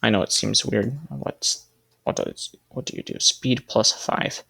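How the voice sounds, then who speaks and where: A man's voice: lowish voice, wildly swooping pitch, measured pace, vocal fry, bright, forceful tone, husky. A man giving casual gameplay commentary, thinking aloud as he sets up a team and correcting himself as he goes. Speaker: gaming video creator.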